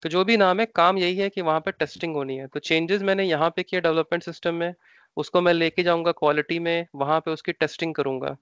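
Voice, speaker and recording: A man's voice: on the high side, fairly even intonation, fast talker, fairly bright tone, clean tone, no echo, highs cut off. A man with an Indian accent, an instructor explaining ideas step by step in a live online class, repeating terms and asking rhetorical questions. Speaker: SAP training instructor.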